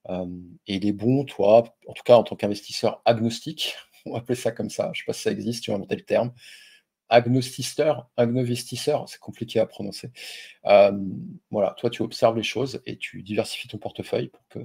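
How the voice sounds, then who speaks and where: A man's voice: lowish voice, fairly even intonation, fast talker, vocal fry, darkish tone, breathy edge. A middle-aged man hosting a casual investing talk, chatting informally with lots of fillers and addressing the viewer directly. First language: French. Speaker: investing video host. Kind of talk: casual explainer with a familiar tone.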